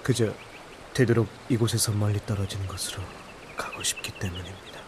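A man's voice: fairly low pitch, fairly even intonation, brisk, background noise, close to an everyday voice. Man acting an earnest, brooding wandering wizard. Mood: sad resignation. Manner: earnest, formal, dramatic. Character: brooding, grieving male wizard wanderer, quick to fury. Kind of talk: radio drama acting.

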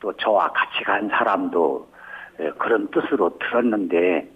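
Husky man on a phone line. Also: low voice, a little slow. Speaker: interviewee. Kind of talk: phone interview. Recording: muffled narrow phone line.

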